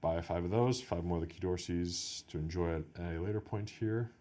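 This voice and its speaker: This is an American man with a very deep, low voice, chatting casually on his podcast. He rambles from one story to the next, filling his talk with "like" and "you know". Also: normal speed, dark tone. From United States. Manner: rambling storyteller, heavy use of "like". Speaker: podcast host. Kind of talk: casual chat.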